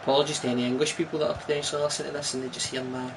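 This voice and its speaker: A Scottish gaming streamer with a broad accent chats through live commentary on a football video game, reacting with exclamatory, partisan outbursts. His voice is on the high side, creaky and racing, with little pitch movement. The stream is noisy, with the game's crowd and commentary behind him.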